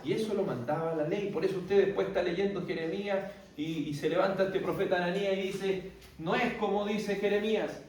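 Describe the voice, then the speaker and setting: A man's voice: sits high, brisk, darkish tone, a little hiss or hum. A man teaching a theology class who keeps asking rhetorical questions and answering them himself. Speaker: Bible teacher. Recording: very echoey room, distant mic.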